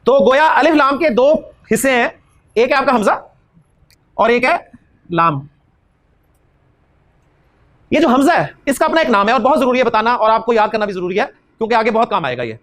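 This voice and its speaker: A man teaching Arabic grammar in a classroom lecture, quizzing his students and slowly repeating key terms. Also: very high-pitched, animated, fairly bright tone. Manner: questions students and drills answers back.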